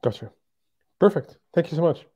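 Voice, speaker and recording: A man's voice: on the high side, expressive, warm tone, dull audio. A man hosting an online interview podcast, talking casually with many ums and uhs. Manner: halting, filler-heavy, friendly. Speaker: podcast host.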